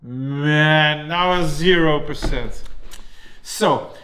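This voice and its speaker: A man, chatting casually and playfully as he plays a game, excitable and teasing. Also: fairly high pitch, very slow. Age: 40s. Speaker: host, father playing a game with his child. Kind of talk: casual gameplay chat.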